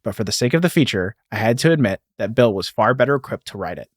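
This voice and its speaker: A podcast co-host with a lowish voice talks fast and lively, recorded dry in studio quality. He explains things casually, sometimes reading aloud and correcting himself along the way.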